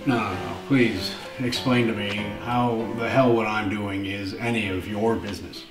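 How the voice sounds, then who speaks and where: A man's voice: lowish voice, steady tone, normal speed, close to an everyday voice. Actor as cold contemptuous boyfriend, condescending man, echoey, off-mic. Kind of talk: scripted drama web series. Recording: distant echoey room, music behind.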